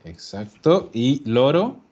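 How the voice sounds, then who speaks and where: A man's voice: medium pitch, sing-song, slow pace, darkish tone, lo-fi sound. A man teaching an online language class, explaining patiently and often checking that students follow. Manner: patient, repeats and checks understanding with "¿ya?". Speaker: Italian teacher.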